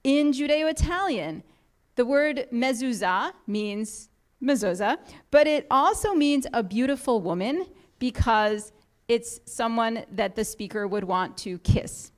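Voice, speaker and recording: A woman's voice: a little high, lively intonation, slow pace. A woman giving an explanatory talk to a congregation in a synagogue, lightly humorous and full of quoted examples. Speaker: guest speaker. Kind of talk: lecture to a congregation.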